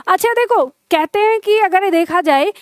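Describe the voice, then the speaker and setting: Very high-voiced woman teaching. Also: no echo, studio quality. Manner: asks the class questions and slowly stresses sounds. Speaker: Hindi teacher. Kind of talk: classroom lesson explanation.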